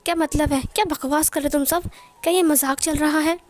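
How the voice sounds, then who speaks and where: A woman's voice: high-pitched, steady tone, a little fast, soft background music, natural voice. A woman voicing a stern, proud older uncle who scolds everyone, in a story reading. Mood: angry.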